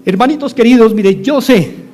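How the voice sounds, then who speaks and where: A middle-aged Colombian pastor with a very high, darkish voice preaches at a moderate pace. He earnestly repeats his exhortations in what sounds like a studio-recorded radio sermon.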